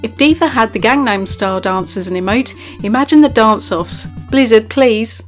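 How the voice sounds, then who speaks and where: A woman's voice: on the high side, normal speed. A woman giving a scripted narration for a video game feature. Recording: music behind. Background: background music.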